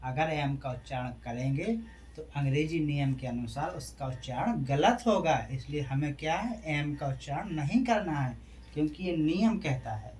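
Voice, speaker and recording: With a high-leaning, darkish voice, a man teaches English in Hindi at normal speed and with plenty of expression. He asks questions only to answer them himself and spells letters one at a time; a little background noise is audible.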